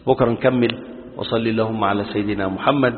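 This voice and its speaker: Egyptian preacher in an echoey hall. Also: male voice, lowish voice, fast talker. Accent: Egyptian Arabic. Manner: lively, acts out dialogues, fires rhetorical questions. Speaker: Islamic preacher teaching a lesson. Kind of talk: colloquial religious lesson. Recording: echoey hall over a tinny phone-like line.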